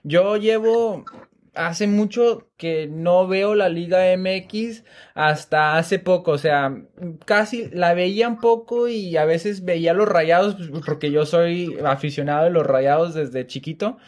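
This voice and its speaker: A man from Monterrey, co-hosting a loose soccer podcast. His voice sits a little high for a man. He talks in a relaxed, rambling way, full of fillers. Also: takes it slowly. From Monterrey, Mexico. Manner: relaxed, chatty, many fillers. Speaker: podcast co-host. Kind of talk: casual soccer chat.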